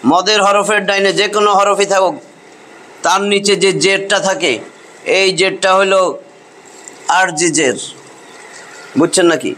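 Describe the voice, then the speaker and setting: A man's voice: high voice, fairly even intonation, measured pace, pauses often, pushed and bright. A man teaching a Quran recitation class, patiently repeating each rule with drilled examples. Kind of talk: classroom tajweed lesson.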